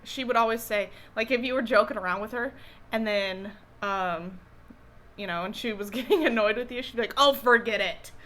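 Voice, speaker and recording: A young woman co-hosts an eating vlog, talking casually while she eats in a rambling, hesitant way packed with fillers and restarts. Her voice is fairly high, a bit bright, and fairly quick.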